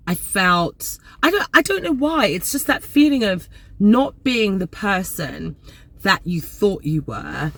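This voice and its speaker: A Nigerian-born woman in her forties with a mid-range voice talks casually to camera as a vlogger. She's chatty and animated, repeating words for emphasis.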